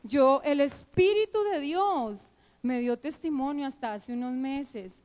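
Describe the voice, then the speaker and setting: A middle-aged woman preaching at church, telling her own testimony in an emotional, animated way with many fillers. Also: sits high, measured pace, poor audio. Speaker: church teacher. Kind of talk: sermon with personal testimony.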